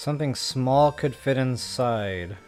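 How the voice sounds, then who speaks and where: A man giving casual gameplay commentary, muttering to himself in a low-key way. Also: unhurried, darkish tone, soft background music. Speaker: gamer.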